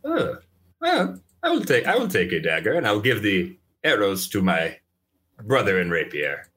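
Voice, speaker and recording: A man's voice: lowish voice, huge pitch swings, normal speed, pushed and bright, husky. A man talking casually as a player at a tabletop game. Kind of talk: casual chat.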